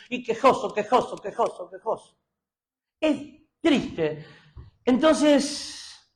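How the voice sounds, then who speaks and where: A middle-aged man with an Argentine accent preaches a sermon in a voice that sits high for a man. He speaks emphatically and slows down to read scripture aloud. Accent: Argentine Spanish. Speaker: pastor.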